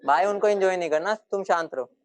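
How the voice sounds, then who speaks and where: A man's voice: sits high, a little fast, a little hiss or hum. Joking Hindi-speaking male teacher. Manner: joking with students, then firm and explaining. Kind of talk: classroom lecture.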